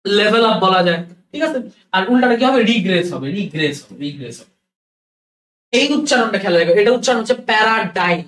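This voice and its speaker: A man's voice: high voice, a bit bright. A young man giving a classroom lecture on word meanings, explaining step by step and often repeating key words. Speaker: English vocabulary teacher. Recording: roomy echo, voice from a distance.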